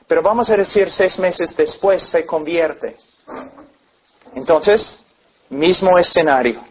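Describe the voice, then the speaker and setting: A man's voice: on the high side, slow pace, a little hiss or hum. A man preaching a sermon, earnestly telling illustrative stories. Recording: dull lo-fi recording.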